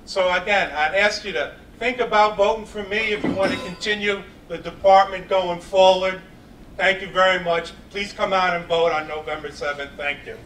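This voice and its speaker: High, bright-voiced man in an echoey hall. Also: steady tone, moderate pace. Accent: New York. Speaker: town candidate. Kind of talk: campaign debate statement. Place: public meeting hall. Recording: echoey room from a distant mic, faint noise.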